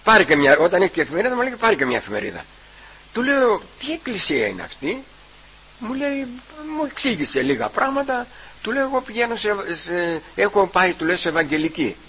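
A man giving a personal testimony at church. He retells the conversations and keeps repeating "I say" and "he says", with halting restarts. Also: high-pitched, big pitch swings, gravelly, bright, forceful tone, slight background noise, low-quality recording.

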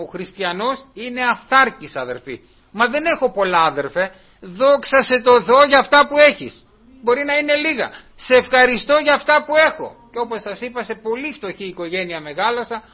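A man preaching a sermon in an earnest, repetitive way, often calling his listeners brothers. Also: high-pitched. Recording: dull lo-fi recording.

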